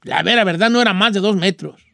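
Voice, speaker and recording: A man's voice: high-pitched, fast talker, creaky, bright, forceful tone, dry recording, clean studio sound, exaggerated voice. A man putting on a folksy old rancher character with a Mexican accent, a radio host telling a rambling story and giving advice. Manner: rambling, folksy, full of rural slang. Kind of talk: storytelling and advice on a call-in show.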